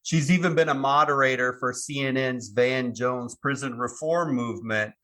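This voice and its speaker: Male podcast host, bright tone, polite, prompts his guest to talk. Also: medium pitch, normal speed. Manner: polite, encouraging, with brief interjections. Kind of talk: podcast interview.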